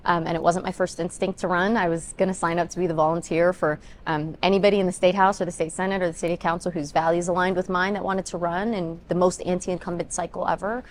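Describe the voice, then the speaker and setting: A woman's voice: lowish voice, little pitch movement, fast, few pauses, slight background noise. A woman in her twenties, raised in Denver, answering interview questions as a congressional candidate, earnest, with many ums. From Ethiopia, raised in Denver. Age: 20s. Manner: earnest, talks in long run-on points with many ums.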